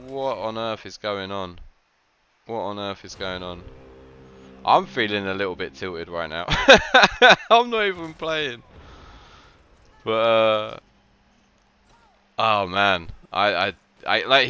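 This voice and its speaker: Low-voiced rambling male game commentator. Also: bright, forceful tone, smooth, lo-fi sound. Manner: rambling, lots of "like" fillers, frequent laughs.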